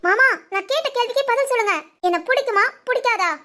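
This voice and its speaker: A woman plays an eager, lovestruck young cartoon bride with a southern Tamil Nadu accent. Her voice sits very high and shrill, and she presses her point sweetly but won't let go. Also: fast, sharp tone. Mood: insistent. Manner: insistent, sweetly demanding.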